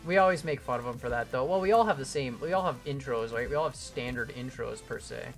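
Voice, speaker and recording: Soft music plays behind a young man with a mid-range voice who talks quickly during a live game stream from his home computer. He's building in the game, chatting loosely and rambling as he answers viewers.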